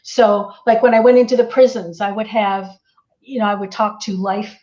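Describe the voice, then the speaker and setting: A woman's voice: medium pitch, steady tone, normal speed, a little mellow, muffled recording. A woman interviewer talking in a casual, reflective, conversational way over a video call.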